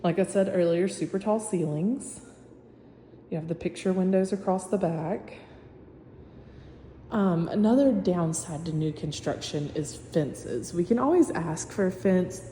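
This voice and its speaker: Real estate lady walking you through an empty house, mellow lowish voice, big echoey rooms. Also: a little slow. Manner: chatty, matter-of-fact, points things out room by room. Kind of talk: casual home-tour walkthrough. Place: empty new-built house, indoors. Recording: echoey empty rooms with long reverb, faint hum.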